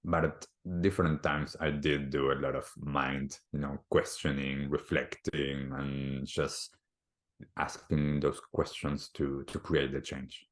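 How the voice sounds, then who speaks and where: A man's voice: rumbling low, level tone, takes it slowly. A man from Argentina, a wellbeing coach, talking reflectively as a podcast guest, with many "you know, like" fillers. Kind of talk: reflective conversational talk.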